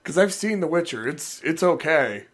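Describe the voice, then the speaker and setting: Animated, higher-voiced man swearing casually. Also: moderate pace. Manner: blunt and profane. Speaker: podcast co-host. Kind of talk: casual podcast chat.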